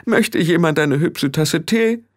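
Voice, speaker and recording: A frail, shaken older woman with a trembling voice, pitched high and speaking slowly. A man acts her out in an audiobook. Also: expressive, no echo, studio quality. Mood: shaky. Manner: trembling, slow.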